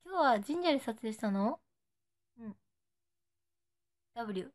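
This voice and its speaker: High-pitched young nagoya woman being cute and playful on a stream for fans. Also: animated, normal speed. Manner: playful, cutesy, saying short phrases that fans request. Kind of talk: casual live stream chat.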